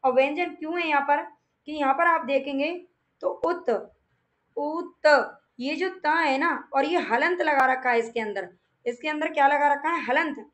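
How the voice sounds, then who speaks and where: A woman gives an exam revision lesson on grammar. Her voice sits high, and she keeps asking rhetorical questions that she answers right away. She repeats her points to drive them home. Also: normal speed, a bit bright. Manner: repetitive, asks and answers own questions. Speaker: Hindi grammar teacher.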